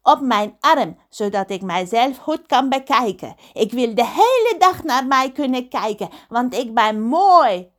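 A woman's voice: on the high side, animated, unhurried, hardly any pauses, pitched above the performer's own voice. A vain, boastful pirate captain, put on by a woman reading a storybook aloud, in love with his own face. He talks in a pompous, theatrical way, drawing out his words. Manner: pompous, self-admiring, theatrical.

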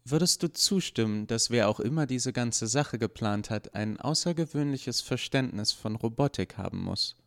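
A man reading as an earnest male android officer, speaking calmly and formally in a storybook. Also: medium pitch, moderate pace, hardly any pauses, voice pushed up. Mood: grave.

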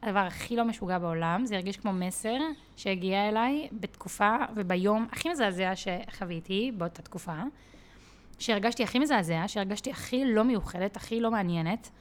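Woman, podcast guest, casual storytelling, chatty, mid-pitched. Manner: chatty, many fillers and restarts, vivid storytelling. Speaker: podcast guest, content creator.

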